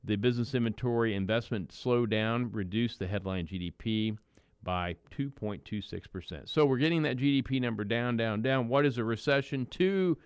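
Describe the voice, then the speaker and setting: A man's voice: medium pitch, normal speed, clear, resonant tone, dry recording. A man hosting a financial radio show, talking casually in a folksy way, and reading ad spots. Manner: conversational, folksy, with fillers and restarts. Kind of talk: financial radio talk with ad reads.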